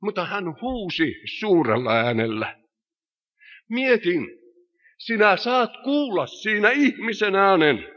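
A man preaching a sermon in style, solemn and rising to emphatic cries. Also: high-pitched. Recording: reverberant hall, dull lo-fi sound.

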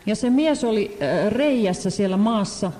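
This sermon interpreter works live, speaking hesitantly with frequent fillers and restarts. The voice is expressive, of medium pitch and dark in tone, and the hall echoes.

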